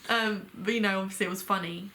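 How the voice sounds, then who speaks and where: A woman's voice: medium pitch, steady tone, fast talker, sharp tone, slight background noise. A British woman hosting a reaction channel, chatting casually and rambling with lots of fillers and restarts. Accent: British English. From Britain. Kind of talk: casual chat.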